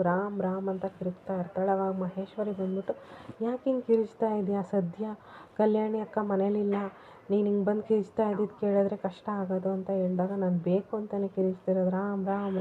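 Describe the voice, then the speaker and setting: A woman casually retelling a TV serial episode, quoting the characters' lines as she goes. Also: mid-range voice. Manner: retells scenes, voicing each character's lines in quotes. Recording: tinny phone-like audio, faint noise.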